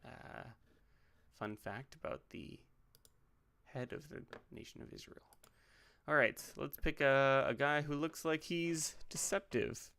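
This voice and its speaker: A man hosting a casual livestream who builds game characters while thinking out loud, rambling and making joking asides. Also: medium pitch, slow, vocal fry, clean tone. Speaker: pastor and livestream host.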